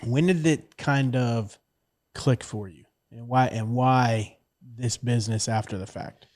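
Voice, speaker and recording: A male podcast host asking a guest questions in a measured, curious way. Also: mid-range voice, a little mellow. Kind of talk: interview questions.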